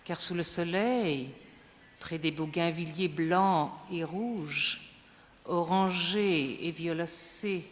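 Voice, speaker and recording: Woman reading very slowly in a hall. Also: fairly low pitch. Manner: slow, measured, lyrical reading. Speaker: conference speaker. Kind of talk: reading a prepared text aloud. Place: large conference hall. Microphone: microphone at a distance. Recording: reverberant hall, faint hiss.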